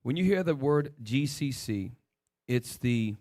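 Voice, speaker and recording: A man's voice: medium pitch, animated, a little slow, warm tone. A man leads a religious teaching session, firing rhetorical questions and short commands to an assistant. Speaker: religious teacher leading a discussion.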